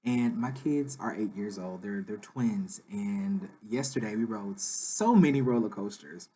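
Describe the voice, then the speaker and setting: A man's voice: fairly low pitch, animated, measured pace, warm tone, husky. A man in his thirties, a father, chatty and upbeat as he narrates a family vlog voice-over, often saying "like". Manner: enthusiastic, chatty, says "like" a lot.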